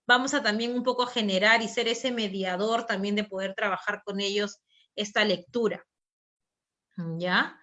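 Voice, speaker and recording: A woman's voice: mid-range voice, fairly even intonation, normal speed, pushed and bright. A woman from Peru with a Peruvian Spanish accent, giving a conversational teacher training talk, full of fillers and tag questions.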